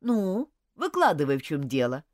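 A woman's voice: deep voice, wildly swooping pitch, moderate pace, a little mellow, dry recording, clean studio sound. A woman reading an audiobook, voicing a proud, hot-tempered schoolboy who talks in an indignant, clipped, scornful way. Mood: grudging.

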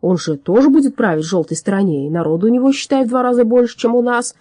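A woman voicing a simple, blunt young male giant in an audiobook, speaking loudly and plainly. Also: a little high, lively intonation, fast, no echo, clean studio sound, pitched above the performer's own voice. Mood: gruff. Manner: loud, blunt rustic speech. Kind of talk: audiobook character voice.

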